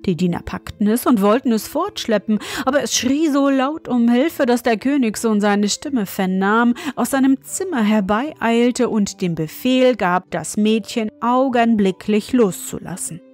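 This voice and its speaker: A woman calmly reading a fairy tale aloud as a bedtime story, in a measured manner. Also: a little high, faint music behind. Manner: calm, measured.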